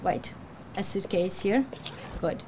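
A woman streamer giving casual let's-play reaction commentary, excitable and quick to swear and talk back to the enemies on screen. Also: mid-range voice, noisy background. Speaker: gaming streamer. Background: game music.

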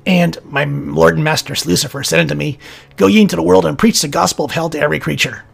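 A man's voice: fairly high pitch, fairly even intonation, fast talker, gravelly, husky, soft background music, full character voice. A man voicing a sultry, mocking female demon while reading a storybook-style account aloud.

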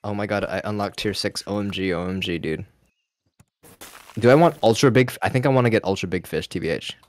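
A man chatting casually while playing a game, excitable and quick to swear and yell. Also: lowish voice. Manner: excitable, swearing, sudden yelling outbursts. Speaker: gamer. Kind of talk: casual gameplay chat.

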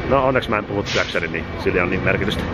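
A man vlogging at an amusement park, joking and shouting on the rides, his voice going hoarse. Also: sits low, very noisy. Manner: excited, jokey, shouts on rides. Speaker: YouTuber. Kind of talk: amusement park ride vlog. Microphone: action camera.

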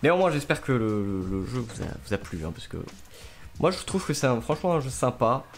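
A man's voice: medium pitch, sing-song, a little fast. A man, giving casual commentary on a gaming livestream. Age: 20s. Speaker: game streamer. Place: small room at home. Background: music.

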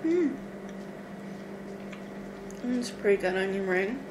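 A woman vlogger chewing as she gives a casual, murmuring commentary on her food. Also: mid-range voice. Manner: slow, relaxed, murmuring between bites. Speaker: mukbang vlogger. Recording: audible background noise.

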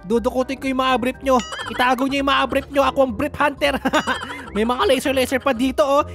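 A woman's voice: high-pitched, fairly even intonation, fairly quick, a bit bright, soft background music. A woman giving playful gaming commentary, joking and giggling as she talks to the characters on screen. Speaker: gaming YouTuber.

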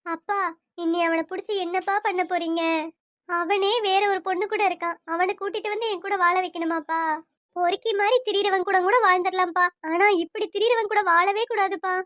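A woman plays a heartbroken young wife in a family cartoon, crying through her words. The voice is very high and the recording is close and dry. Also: fairly even intonation, a little fast, fairly bright tone, dry recording. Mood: grieving. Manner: tearful, sorrowful.

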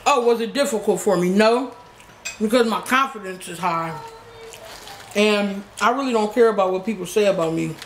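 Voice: medium pitch, normal speed, fairly bright tone. A young adult YouTuber with a blunt, slangy way of talking, answering questions in a casual, chatty style. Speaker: YouTuber host. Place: small living room, indoors. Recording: roomy sound with background noise.

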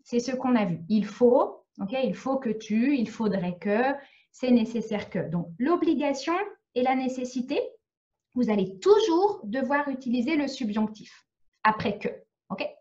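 A woman's voice: on the high side, expressive, unhurried, darkish tone, muffled recording. A woman from France teaching French in a live online lesson, explaining patiently and checking often that students follow. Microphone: video call.

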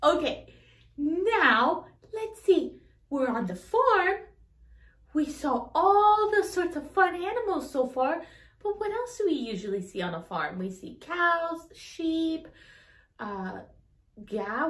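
A woman with an extremely high voice presents to small children. Her melody swings widely and she takes her time, leaving gaps for them to reply. She is encouraging and exaggerated, like a preschool teacher, in an echoey room. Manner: exaggerated, encouraging teacher talk with questions and pauses for answers. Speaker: children's educational show host. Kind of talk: toddler lesson addressed to children.

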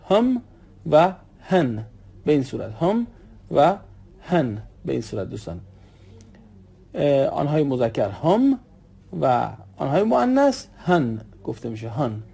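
Guy teaching a language, kinda gravelly voice, says every word twice slow so you can repeat. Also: on the high side, dark tone. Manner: slow, repeats each word for learners to echo. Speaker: Arabic teacher. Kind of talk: spoken language lesson.

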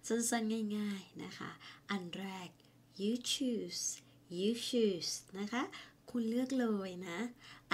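A woman gives an online English lesson at an unhurried pace, with a voice of ordinary middle pitch. She is chatty and friendly and ends her sentences with soft, polite words. She repeats each English phrase several times so learners can follow. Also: slightly rough. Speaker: English teacher.

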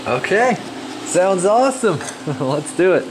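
A man's voice: high voice, sing-song, background noise. A man filming in a metal workshop, reacting to the demonstration with short, enthusiastic remarks and questions. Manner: enthusiastic, quick to laugh. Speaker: camera operator and interviewer. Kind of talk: casual reactive chat.

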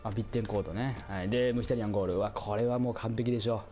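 A man doing casual commentary over a football video game, chatting to his viewers and reacting out loud to the plays, his voice getting hoarse. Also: fairly low pitch, steady tone, very fast, soft background music. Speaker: gameplay commentator.

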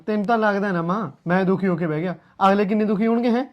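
A man's voice: high-pitched, racing, dull audio, natural voice. An actor playing an angry grown son who argues bitterly with his mother in a short film drama. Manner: bitter, confrontational.

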